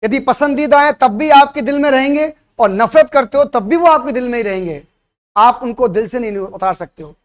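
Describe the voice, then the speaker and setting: A man's voice: very high-pitched, moderate pace. A man teaching at a coaching center, giving a motivational classroom talk and throwing rhetorical questions at his students.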